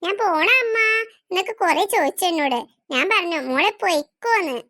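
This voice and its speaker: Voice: extremely high pitch, lively intonation, a little fast, dry recording, studio quality, exaggerated voice. A performer voicing Basanthi, a poor, humble working woman, in a cartoon. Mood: sorrowful. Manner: soft, humble, sorrowful. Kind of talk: cartoon voice acting.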